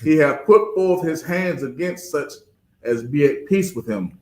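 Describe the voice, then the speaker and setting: A man reading texts aloud for a street preacher, in a measured, steady manner. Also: on the high side, echoey room, rough recording. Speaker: scripture reader.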